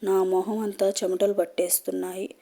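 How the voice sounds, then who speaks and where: A woman tells a first-person horror story in a hushed, unhurried way. Her delivery stays flat and even, and her tone is soft and mellow. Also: mid-range voice.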